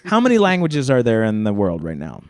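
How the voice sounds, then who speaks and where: A man's voice: lowish voice, huge pitch swings, brisk, dry recording. Man, podcast host, laid-back, rambling, hiccups, dry room. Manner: laid-back, rambling, puts on silly animal voices. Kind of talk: casual chat.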